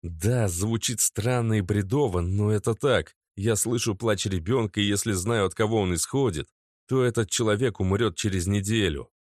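A man's voice: lowish voice, moderate pace, darkish tone, no room sound, clean studio sound, close to an everyday voice. A man voicing a nervous young boyfriend who earnestly pleads to be believed.

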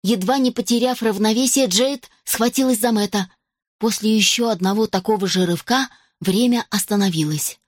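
Женщина, ровно читающая аудиокнигу. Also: female voice, mid-range voice, moderate pace, no room sound, studio quality. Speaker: audiobook reader. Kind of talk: scripted narration.

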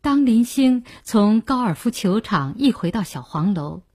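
Breathy female audiobook narrator. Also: medium pitch, expressive, measured pace, darkish tone. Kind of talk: scripted narration.

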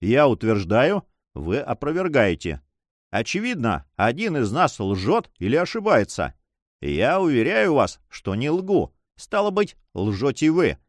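A man's voice: mid-range voice, dry recording. A man voicing a cool, mocking male pirate captain who speaks with dry sarcasm, in an audiobook reading. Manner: ironic, coolly sarcastic.

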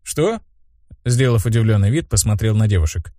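Expressive male audiobook narrator. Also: mid-range voice, fairly quick, no room sound, clean studio sound. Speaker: audiobook reader.

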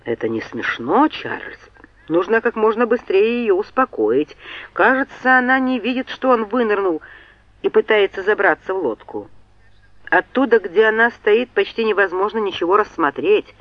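A woman's voice: medium pitch, animated, moderate pace, dry recording, muffled recording, natural voice. A woman reading an audiobook, voicing a sensible older brother who scolds his siblings steadily. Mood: reproachful.

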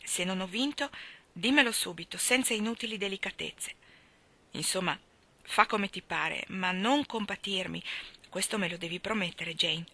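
A woman's voice: mid-range voice, normal speed, pushed and bright. A woman reading as an eager, dreamy teenage girl in a storybook, earnest and pleading.

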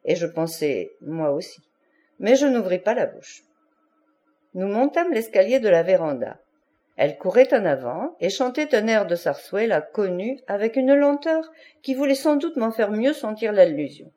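A woman reads a literary novel aloud in a steady, measured manner. Her voice is warm and mellow, pitched in an ordinary middle range. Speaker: audiobook reader. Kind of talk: audiobook narration.

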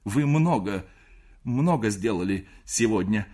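A man's voice: fairly low pitch, animated, measured pace, mellow, husky. A man playing a desperate, pleading young suitor in an audiobook reading, speaking with raised passion. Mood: bitter.

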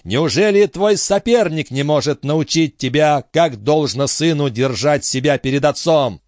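Reader plays stern old noble father, raised pitch, dry sound. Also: expressive, a little slow, darkish tone, no room sound. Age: older. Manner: commanding, threatening.

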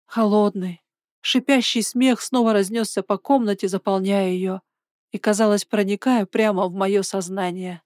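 A woman narrating a first-person fantasy story in a steady, dramatic reading. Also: medium pitch, normal speed, dry recording, clean studio sound.

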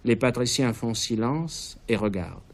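Male author reading stage directions; even, measured delivery. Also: mid-range voice. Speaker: author reading his play.

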